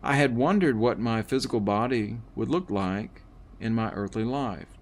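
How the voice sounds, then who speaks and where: A man reading a first-person book aloud in a measured way, with the odd slip and restart. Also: medium pitch. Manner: slow, measured reading with small slips and restarts. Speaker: audiobook reader.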